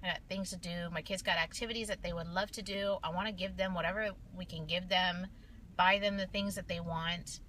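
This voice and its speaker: A woman's voice: on the low side, fairly even intonation, fairly quick, a bit bright. A woman in her late thirties, a nurse, chatting and venting to viewers in a rambling, casual way from inside a car. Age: late 30s. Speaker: vlogger, nurse. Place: inside a parked car, daytime. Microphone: phone camera at arm's length. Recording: car interior with vehicle noise.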